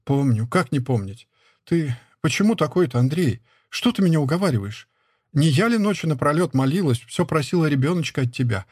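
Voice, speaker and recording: A man's voice: a little high, expressive, brisk, a little mellow, breathy edge, dry recording, studio quality. A man reading a young village wife who pleads and frets in a raised, plaintive voice. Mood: pleading. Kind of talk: audiobook character reading.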